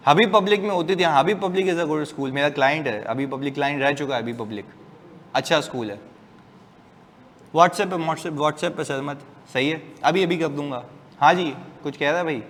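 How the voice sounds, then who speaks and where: A man with a slightly high voice speaks at a moderate pace, giving a casual, joking lecture to accounting students. He's chatty and lively, tossing asides to the class. His voice sounds distant in a reverberant room, with a faint hiss.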